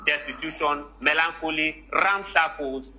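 An actor playing a pedantic Nigerian academic in a comedy interview, pompously piling up highfalutin synonyms. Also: male voice, measured pace, bright, forceful tone. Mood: pompous, grandiose. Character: pedantic male academic showing off absurd highfalutin vocabulary.

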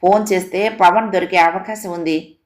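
A woman's voice: fairly low pitch, fairly even intonation, normal speed, close to an everyday voice. Curt irritated father, read by a woman. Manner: curt, testy. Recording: echoey room recording.

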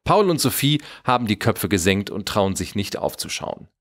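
Lively low-voiced male storyteller. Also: normal speed. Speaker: narrator. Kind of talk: storybook narration.

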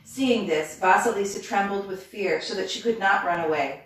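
A woman reading a fairy tale aloud in a steady, measured way, with small slips, in a reading room. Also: mid-range voice. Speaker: storyteller. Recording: echoey room from far off.

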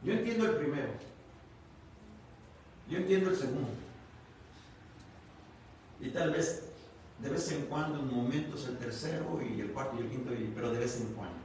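A man's voice: medium pitch, lively intonation, normal speed, pauses often, a little mellow, slight background noise. A man preaching a sermon at a church service, telling the story with expression and asking the listeners questions. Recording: echoey church hall, mic at a distance.

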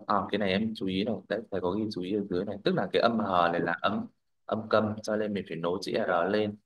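A man's voice: fairly low pitch, fairly even intonation, very fast, poor audio. A male language teacher, leading a classroom pronunciation drill. He models words, corrects students, and keeps checking that they follow.

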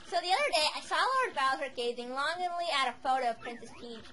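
A woman's voice: high-pitched, very animated, fast, sharp tone, heavily acted, low-quality recording. A woman voicing a nervous, gossipy male turtle minion who speaks apologetically.

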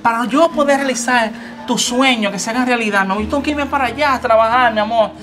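A man's voice: very high voice, fast. A man playing a husband about to emigrate, full of big promises and sweet talk. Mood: tender. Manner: boastful, then tender and pleading. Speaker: comedy sketch actor. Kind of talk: comedic sketch dialogue.

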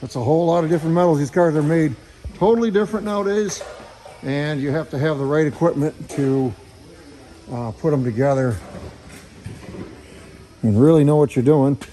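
A man with a dark-toned voice on the high side gives a casual tour of his auto body shop, speaking at normal speed and pausing often. The shop owner is chatty and leans heavily on fillers. It's filmed on a handheld phone.

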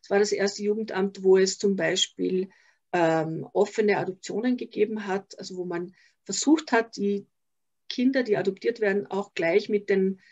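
An older woman's voice, medium in pitch and darkish in tone, moves at a normal speed with an Austrian accent. She's a social worker taking part as a guest in a video-call interview, reflective and halting with many false starts, and the audio is somewhat dull.

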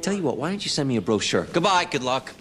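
A man's voice: mid-range voice, very animated, quick pace, fairly bright tone. An actor in his thirties playing a hesitant, dry, evasive everyman hero in a television drama. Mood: evasive, awkward. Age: 30s.

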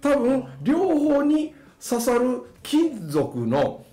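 A man with a Kansai accent, hosting and telling a story in casual chat, animated and often laughing at his own tale. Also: extremely high pitch, drawn-out words. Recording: echoey room.

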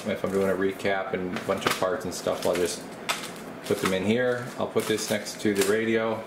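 The host of a radio repair channel, a man with a fairly low voice, gives an unscripted show-and-tell tour of his small electronics-bench workshop, holding the camera and explaining things casually. Recorded on the handheld camera mic from behind the camera, it sounds roomy with a steady air-conditioner-like hum.

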